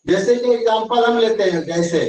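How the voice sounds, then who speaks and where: A man with a high voice teaches an online grammar class, explaining slowly, repeating each step and checking that students follow. He sounds far from the mic, in a very echoey room. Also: dark tone. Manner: slow, repetitive explaining with frequent check-ins.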